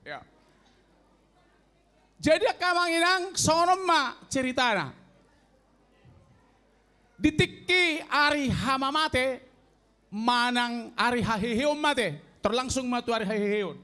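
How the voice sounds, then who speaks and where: A man in his sixties with a Toba Batak accent, telling a comic story in a slow, drawn-out way to an audience of elders. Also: very high-pitched, expressive, pushed and bright, clear, resonant tone. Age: 60s. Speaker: elderly stand-up contestant. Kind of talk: stand-up comedy storytelling.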